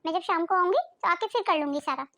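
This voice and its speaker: Cartoon: woman playing a sweet young daughter-in-law, very high voice. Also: expressive, fast talker, bright, forceful tone, full character voice. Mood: caring.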